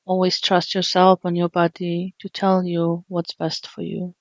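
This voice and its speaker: A meditation teacher with a fairly low pitch delivers a body scan in a monotone, keeping things slow, gentle and soothing with long pauses. Her level voice hardly rises or falls, and the dry, slightly dull recording has no echo.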